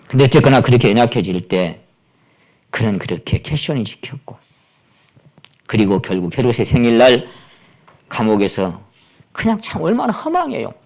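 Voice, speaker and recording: Male preacher in a sermon, animated and wide-ranging, dramatic swings from loud exclamations to hushed whispers. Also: mid-range voice, gravelly. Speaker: pastor.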